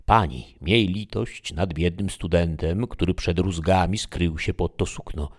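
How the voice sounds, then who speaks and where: Man reading as a scared young student begging, earnest, deep husky voice. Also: animated, a little slow, a little mellow, heavily acted. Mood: pleading. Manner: earnest, pleading. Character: young male student, frightened and pleading.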